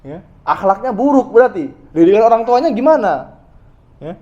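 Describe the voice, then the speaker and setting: A man with a fairly high voice gives a conversational religious lecture. He talks straight to his listeners and asks them questions, swinging between loud stressed points and quiet asides. The recording sounds dull and lo-fi. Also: very animated, normal speed. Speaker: Islamic preacher.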